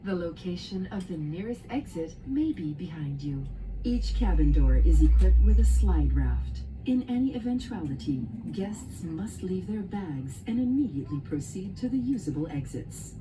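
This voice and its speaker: A woman's voice: on the low side, sing-song, normal speed, noisy background. A woman working as a flight attendant, reading a scripted safety announcement in a formal, instructional way over an aircraft cabin PA.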